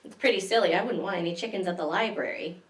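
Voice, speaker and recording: Recorded from a distance in an echoey room, a woman with a lowish voice speaks at a quick pace while leading story time for small children. In the manner of a children's librarian, she reads a picture book, shows a simple craft, and explains things simply.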